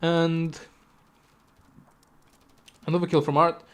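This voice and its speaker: A male esports caster calls a live match in rapid play-by-play, stumbling over words and correcting himself as he goes. His voice sits slightly higher than most men's, and he breaks off into casual asides between the action. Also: clean tone. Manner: rapid, self-correcting, chatty asides, sudden excited outbursts.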